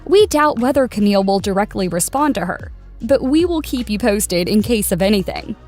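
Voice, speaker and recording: Brief: woman, scripted news narrator, even measured read, soft music under. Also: medium pitch. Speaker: narrator of a celebrity news channel.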